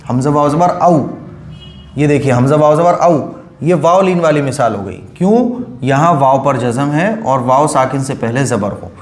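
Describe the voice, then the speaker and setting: A man teaching Quranic letter reading in a patient, repetitive way, drawing syllables out slowly when he demonstrates them. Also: a little high, echoey room. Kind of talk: online recitation lesson.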